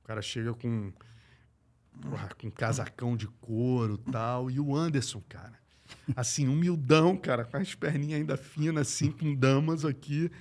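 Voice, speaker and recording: A man from Brazil, an MMA journalist, telling stories in a lively, slangy way on a casual podcast. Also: medium pitch, moderate pace. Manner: animated, slangy, acts out quoted voices.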